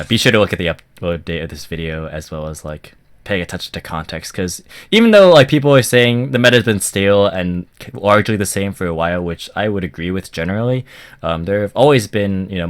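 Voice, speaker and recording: A man's voice: low-pitched, fairly bright tone. Stuffy-voiced man rambling over gameplay. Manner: rambling, full of ums and likes. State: stuffy, recovering from a cough. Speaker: card game commentator. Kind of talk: casual gameplay commentary.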